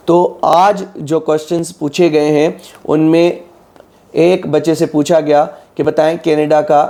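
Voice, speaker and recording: This Pakistani exam prep tutor has a mellow, higher-pitched voice and a slightly sore throat. He delivers an instructional lecture methodically, often checking in with his students and saying "ठीक है" again and again.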